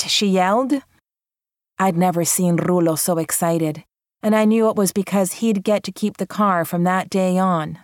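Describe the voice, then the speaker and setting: A woman with a lowish voice reads a first-person memoir aloud with a measured, even delivery. She is close to the mic, and the sound is dry and dead, with no room around it. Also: no room sound. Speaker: audiobook narrator.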